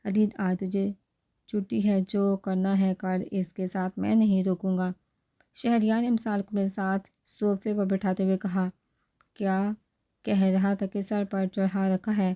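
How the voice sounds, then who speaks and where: A woman reading a comic family novel aloud, narrating and speaking the characters' dialogue in an even, low-key voice that lifts a little for quoted lines. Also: a little slow. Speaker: novel reader.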